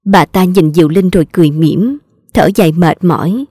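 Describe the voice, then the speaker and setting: A woman with a Southern Vietnamese accent narrating a family drama story in a steady, even way. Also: fairly low pitch, moderate pace, breathy edge, dry recording, clean studio sound.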